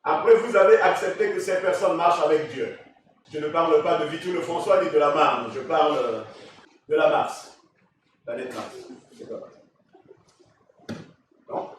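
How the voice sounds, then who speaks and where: A male preacher delivers a sermon and puts questions to the congregation. His voice runs high and climbs into shouted emphasis. It sounds distant and echoey, caught in a big reverberant church room. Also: normal speed, long pauses, a little hiss or hum. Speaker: pastor. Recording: echoey church hall, voice from afar.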